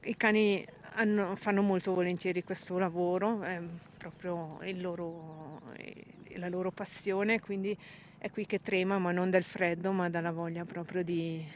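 A woman explaining sheepdog work in a calm, patient way, interviewed outdoors. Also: lowish voice, unhurried, slight background noise. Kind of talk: interview answers. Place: outdoors in a field.

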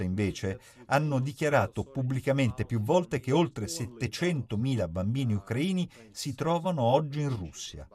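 A man reading an Italian voice-over for an interviewee, measured and earnest. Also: mid-range voice, darkish tone.

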